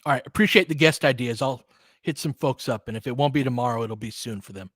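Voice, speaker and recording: This is casual basketball commentary blended with chat replies, voiced by a male host calling the game live for fans. He talks quickly in a mid-range, fairly bright voice, chatting conversationally and snapping out plays in short phrases, recorded dry with clean studio sound.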